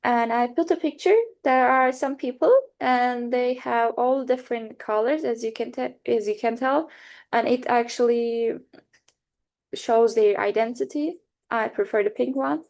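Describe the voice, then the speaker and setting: Her voice a little high and a little slow, with vocal fry and a darkish tone, a young woman from Turkey presents to her class. The Turkish-accented student hesitates often, filling gaps and restarting or correcting herself.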